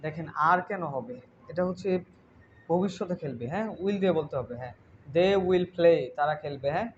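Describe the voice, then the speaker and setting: A man teaching an online English class, patient, slowly spelling out English examples. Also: fairly high pitch, lively intonation, a bit bright, highs cut off, a little hiss or hum. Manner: patient, checks in with "ঠিক আছে?"; slow, drawn-out English examples.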